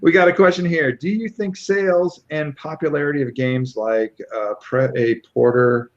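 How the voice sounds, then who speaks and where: A man's voice: on the high side, steady tone, moderate pace. A man from Connecticut hosting a casual live-stream interview, rambling and tripping over names. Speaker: live show host. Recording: dull lo-fi stream audio.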